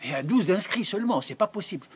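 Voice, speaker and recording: A man's voice: high voice, animated, fast, breathy edge, pitched above the performer's own voice, exaggerated voice. A man voicing a flustered middle-aged youth worker who lectures in an exasperated way.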